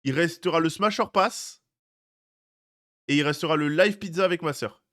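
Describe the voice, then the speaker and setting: Pitched on the high side and slightly bright, this young man's voice keeps a moderate pace. He hosts a live stream, chatting casually, welcoming people in chat by name, poking fun at them, and slipping in jokey remarks.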